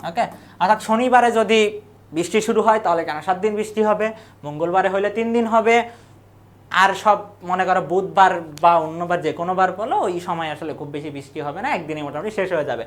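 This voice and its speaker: A woman's voice: on the low side, fast. A woman teacher, giving an exam-prep lecture. She asks questions and then answers them herself, and she repeats key words and lists.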